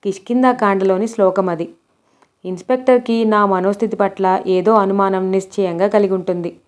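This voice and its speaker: A woman narrating a novel aloud in a steady, measured storytelling manner. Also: mid-range voice. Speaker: audiobook narrator.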